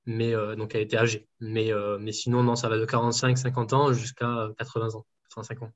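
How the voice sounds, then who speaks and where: A man's voice: fairly low pitch, flat delivery, brisk. A man working as a home nutrition dietitian, answering interview questions casually with many fillers and restarts. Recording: dull lo-fi sound.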